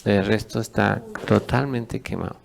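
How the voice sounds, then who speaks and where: A man's voice: lowish voice, steady tone, normal speed, creaky, slight background noise. A man, a pastor teaching a sermon who asks his congregation questions and lets them answer.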